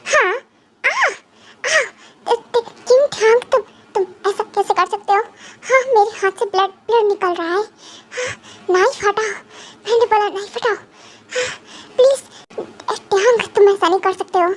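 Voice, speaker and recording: A woman's voice: very high voice, normal speed. A woman voicing a terrified male captive in a fan dub drama, stammering, crying and begging for mercy. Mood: terrified pleading.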